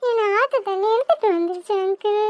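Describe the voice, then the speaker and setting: A woman's voice: extremely high pitch, expressive, fast, dry recording. A tiny sobbing village girl. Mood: tearful. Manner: pleading, sobbing. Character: small frightened village girl lost in a river. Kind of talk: cartoon voice acting.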